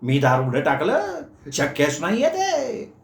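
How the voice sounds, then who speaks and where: A man's voice: on the high side, wildly swooping pitch, a little slow, vocal fry, exaggerated voice. A male storyteller voicing a stubborn middle-aged uncle who insists he is right, in an echoey room. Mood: insistent. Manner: insistent, self-assured.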